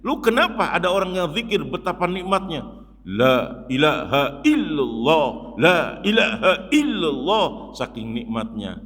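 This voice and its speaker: A man giving a mosque sermon in a lively, joking way, often turning to his listeners and acting out shouts. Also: medium pitch. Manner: lively, jokey, addresses listeners as "Pak", acts out shouts. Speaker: Islamic preacher. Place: mosque hall. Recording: long reverb of a hall.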